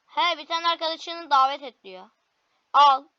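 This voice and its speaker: A woman commentating her own gameplay, excitable, with frequent frustrated cries and cheers. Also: sits high, a little slow, no echo, muffled recording. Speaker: gaming video creator.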